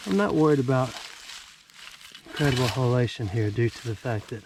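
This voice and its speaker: A man talks casually and folksily, with a dry joking streak, in a voice of ordinary pitch. He sounds like he is vlogging outdoors, with faint noise and clicks around him. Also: a little fast. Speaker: metal detecting vlogger. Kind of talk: casual outdoor vlog commentary. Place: outdoors in a rural yard.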